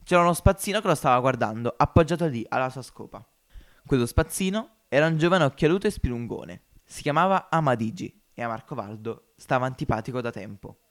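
A man reading a story aloud for a homemade audiobook podcast. He keeps a measured, expressive delivery at a middle pitch. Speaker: narrator. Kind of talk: amateur audiobook narration.

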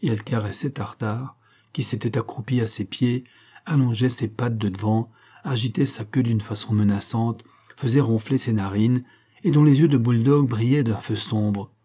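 A man narrating a classic novel as an audiobook, in a measured, even storytelling voice. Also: medium pitch, husky. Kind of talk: scripted narration.

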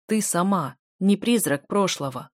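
A woman voicing a calm, possessive man who speaks in a level, unruffled way. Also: lowish voice, unhurried, no room sound. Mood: firm. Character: calm possessive adult man, firm lover.

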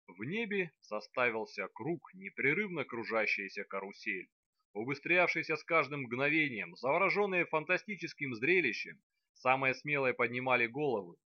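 A man narrating an audiobook with steady, measured reading. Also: mid-range voice, no room sound, dull audio.

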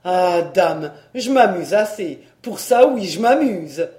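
A reader voicing a boisterous young male country servant who talks in rustic dialect, loud and excited. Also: mid-range voice, slow pace, roomy sound. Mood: boastful.

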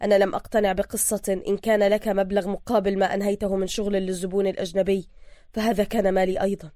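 A woman's voice: medium pitch, steady tone, fairly quick, darkish tone, no echo, clean studio sound, close to an everyday voice. A woman voicing a stern foreign man who speaks in a formal, commanding way.

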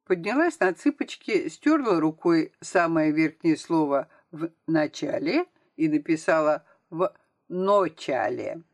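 Expressive woman narrating an audiobook. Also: lowish voice.

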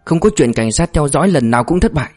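A man's voice: on the high side, lively intonation, fast, a little mellow, soft background music, pitched above the performer's own voice. A man reading as a sly young cadet. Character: cunning young male cadet, sly leader.

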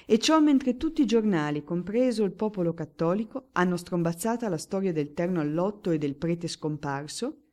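A woman's voice: fairly low pitch, expressive, moderate pace, darkish tone, natural voice. Pompous lawyer Don Ciccio, read by a woman. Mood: declaiming. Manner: courtroom oratory, emphatic. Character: pompous lawyer man, dry and suspicious. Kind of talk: audiobook reading.

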